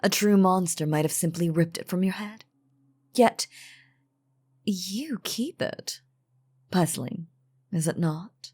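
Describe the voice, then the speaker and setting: In a roleplay audio drama over soft music, a woman plays an elegant, ancient vampire lady who speaks low and slow, each word cleanly shaded with a husky edge. Stern and taunting, she teases and coaxes in theatrical, archaic, velvety formal phrasing with a courtly air.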